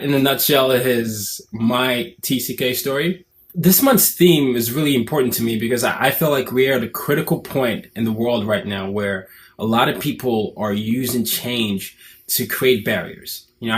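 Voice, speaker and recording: A man in his twenties from Nigeria with an American accent, talking casually to camera in an earnest, reflective way as a summit speaker. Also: lowish voice. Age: 20s. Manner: earnest, reflective, thinks aloud.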